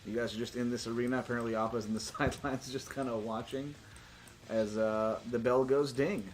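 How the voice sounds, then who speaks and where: Speaking a little fast in a steady, medium-pitched tone, a man casually runs a tabletop role-playing game as game master. He jokes and swears freely while narrating for a live stream. You can clearly hear background noise plus keyboard and mouse clicks.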